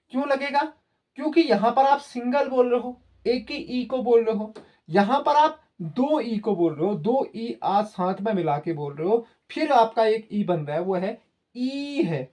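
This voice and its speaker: A male teacher explains a grammar lesson at a slow, unhurried pace. He repeats each point patiently and keeps turning to his listeners to check they follow. The delivery is plain and classroom-like. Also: high voice, darkish tone. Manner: patient, repetitive, addresses listeners directly. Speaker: Hindi teacher.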